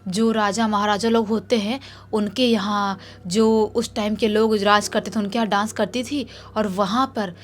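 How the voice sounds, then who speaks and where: A woman voicing a lovelorn young male jinn who pleads softly and keeps reassuring. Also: medium pitch, steady tone, moderate pace, faint music behind, close to an everyday voice. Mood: pleading. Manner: soothing, insistent reassurance.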